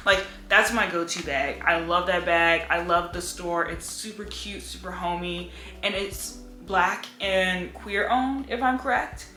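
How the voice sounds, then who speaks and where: Talking casually about books from a room at home, a young woman book vlogger leans heavily on "like" as a filler. Her voice is fairly low and sharp in tone, recorded in an echoey space with faint music playing.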